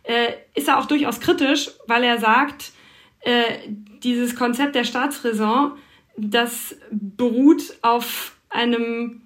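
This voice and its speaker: A woman correspondent answers interview questions in detail. Her voice sits somewhat high, and she talks her way through explanations thoughtfully, with plenty of filler sounds between points. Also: fairly even intonation, slow. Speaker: foreign correspondent.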